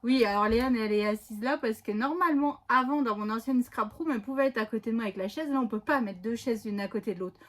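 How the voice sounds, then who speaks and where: A woman's voice: fairly high pitch, quick pace, hardly any pauses. A woman vlogger chatting casually from her home craft room, rambling and hesitating a lot as she shows off what she bought. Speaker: scrapbooking vlogger. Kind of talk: casual haul video chat.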